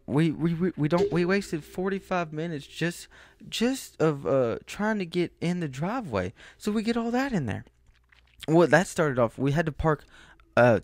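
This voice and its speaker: A man's voice: mid-range voice, no room sound, clean studio sound. Exasperated man telling a rambling story. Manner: animated, exasperated, rambling with restarts. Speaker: podcast host. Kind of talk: casual storytelling monologue.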